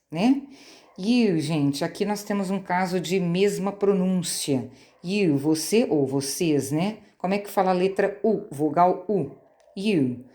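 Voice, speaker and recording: A woman's voice: low voice, dark tone. A Brazilian woman teaching an online English lesson, explaining patiently, spelling out letters and checking in with frequent tag questions. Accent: Brazilian Portuguese. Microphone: phone screen recording.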